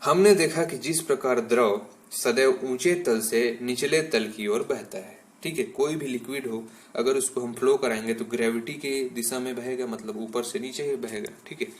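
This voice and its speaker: A man's voice: medium pitch, moderate pace, hardly any pauses. A male school science teacher giving a classroom lecture, explaining step by step and checking in with students after nearly every point, mixing English terms into his explanations.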